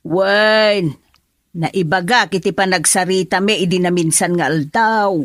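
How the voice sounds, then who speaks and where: Playing a worried middle-aged mother in a radio drama, a woman with an Ilocano accent pleads anxiously. Her lowish voice is a bit bright and measured in pace, recorded in clean studio sound with no room sound.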